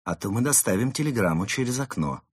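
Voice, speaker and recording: A man voicing a sinister male gang member speaking through a door, calm and menacing. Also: on the low side, quick pace, husky, no echo, clean studio sound. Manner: menacing, ominous.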